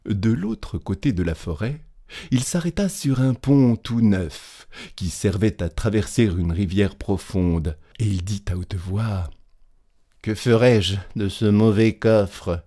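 A man reading a fairy tale aloud, measured and animated. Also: fairly low pitch, breathy edge. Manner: slow, measured, animated storytelling. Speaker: narrator.

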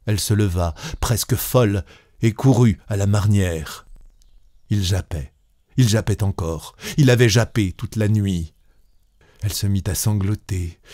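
A man reading a classic short story aloud in a measured, deliberate manner. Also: on the low side, dark tone, no room sound, studio quality. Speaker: narrator.

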